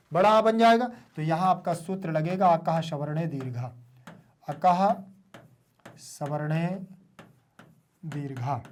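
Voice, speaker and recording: A woman teacher giving an online grammar lesson, repeating key words and asking students quick questions. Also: lowish voice, darkish tone.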